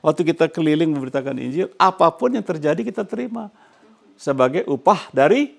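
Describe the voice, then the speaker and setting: An older man delivers an animated sermon as a pastor, often chuckling and throwing in English phrases. He speaks briskly in a fairly high, creaky voice.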